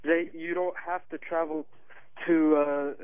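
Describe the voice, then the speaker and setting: A man's voice: a little high, level tone, unhurried, clear, resonant tone, dry recording. A man from Morocco, an author and Arabic teacher, calling in to a radio interview, articulate with hesitant fillers. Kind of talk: radio interview over the phone. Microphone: telephone. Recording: tinny phone line.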